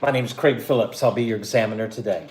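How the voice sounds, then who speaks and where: A man's voice: lowish voice, quick pace, a little mellow. A man acting as a mock visa examiner, asking questions with many hesitant fillers and encouraging praise. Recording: echoey room.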